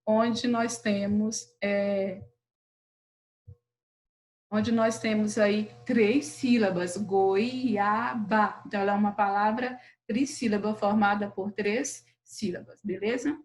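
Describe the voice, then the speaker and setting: A woman's voice: medium pitch, fairly even intonation, a little mellow, poor audio. Patient Brazilian woman teaching children. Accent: Brazilian Portuguese. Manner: patient, drawn-out syllables, frequent "beleza?" checks. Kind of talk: recorded remote lesson for children.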